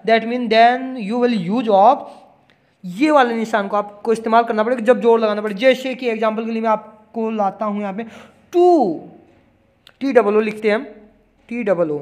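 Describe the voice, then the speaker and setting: A man explains phonetic symbols to his students. He speaks in a fairly high voice and says each example word over and over. He hits the sounds hard to show where the stress falls. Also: darkish tone. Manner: repetitive, drills each sound aloud, stresses words for emphasis. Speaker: teacher. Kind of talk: classroom explanation.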